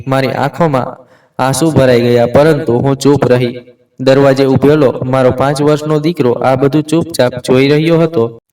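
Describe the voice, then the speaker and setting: A man reading a scripted first-person family story in an even, steady way. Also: medium pitch, recorded from a distance, rough recording.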